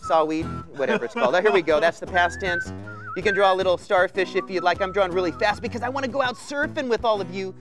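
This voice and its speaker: Middle-aged man, American accent, very high voice, hyped children's show host, surfer slang, drawing instructor, music behind. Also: fast, low-quality recording. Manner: excitable surfer-dude patter full of slang. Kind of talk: hyped kids' TV presenting, step-by-step drawing instruction. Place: TV studio set with children as audience.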